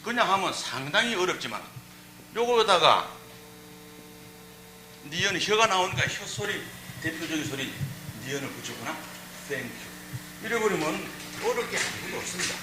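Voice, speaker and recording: Animated man giving a lecture. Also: sits high, moderate pace, pauses often, background noise. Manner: rhetorical questions, demonstrates sounds. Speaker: public lecturer. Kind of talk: public lecture on Korean script.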